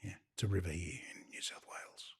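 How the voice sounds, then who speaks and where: This Australian man's voice is deep, husky and whispered, and he speaks briskly. He runs a shop and is hosting a casual livestream Q&A, rambling along and dropping joking, conspiratorial asides.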